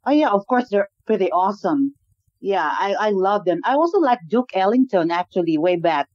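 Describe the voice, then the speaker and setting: Filipino lady singer on a podcast, quick chatty talk, kinda dull dry audio. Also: mid-range voice, animated, no echo. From Philippines. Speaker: guest singer-songwriter. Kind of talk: casual interview.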